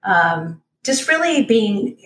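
Woman, forties, mid-pitched, halting reflective storyteller, roomy echo. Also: sing-song, a bit bright, slight background noise. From Orange County, California. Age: 40s. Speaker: podcast co-host. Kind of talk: casual chat.

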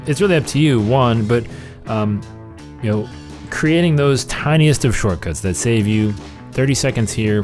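A podcast host talks in a casual, conversational way, rambling and cutting himself off as he stresses his points. His voice is medium-pitched and a little mellow.

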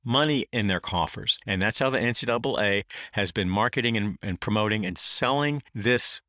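A man's voice: lowish voice, moderate pace, pushed and bright, no echo, clean studio sound. A middle-aged man hosting an opinion podcast, reading out rules and tearing into them with indignant sarcasm. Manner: indignant, sarcastic, reads out documents. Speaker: podcast host. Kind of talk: opinion commentary.

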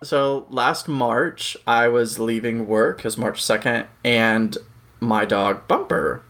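A man's voice: mid-range voice, takes it slowly, a bit bright. Chatty rambling male podcast co-host. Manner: rambling storyteller, jokey asides. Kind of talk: casual chat.

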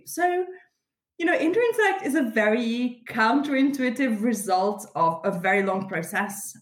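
A woman in her thirties from Hungary, a guest explaining at length in a relaxed, chatty way over a video call. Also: mid-range voice, roomy sound. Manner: chatty, laughs easily, thoughtful explanations. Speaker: guest, community founder.

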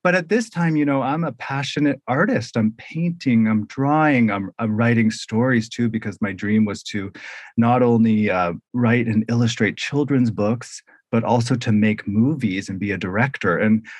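A man's voice: medium pitch, normal speed, no echo. Upbeat Canadian-born man, dry sound. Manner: upbeat, laughs often, joking. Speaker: guest, visual artist. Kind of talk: conversational interview.

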